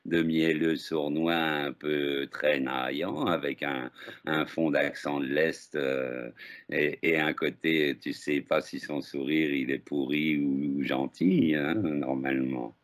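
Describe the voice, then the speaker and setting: Sly sugary office schemer, as a man puts him on, slow drawl, hint of Eastern European accent, low voice. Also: steady tone. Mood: oily. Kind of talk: acted demonstration within interview.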